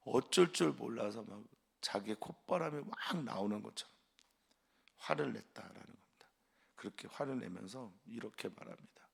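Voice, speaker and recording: A male pastor preaching an early-morning sermon, measured and explanatory, trailing off softly at the ends of phrases. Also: lowish voice, gravelly, husky.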